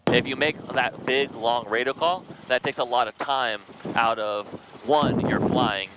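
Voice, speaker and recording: A man's voice: medium pitch, measured pace. A man teaching as a helicopter flight instructor, speaking over a pilot headset in the cockpit in a casual, blunt way and swearing freely. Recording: loud helicopter rotor and engine noise.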